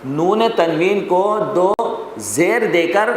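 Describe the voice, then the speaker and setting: Male teacher, high voice, reverberant hall with a faint hiss, patient step-by-step classroom explaining. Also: lively intonation. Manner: explains rules step by step, quizzing students and repeating lists. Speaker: Quran recitation teacher. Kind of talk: classroom lesson. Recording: very echoey hall with faint noise.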